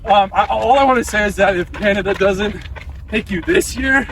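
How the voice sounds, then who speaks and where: Dude interviewing while running, high voice, bro slang, bit far from the mic outside. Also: male voice, normal speed. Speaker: podcast host, interviewer. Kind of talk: casual interview chat. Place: outdoors on a run. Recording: distant mic, outdoor ambient noise.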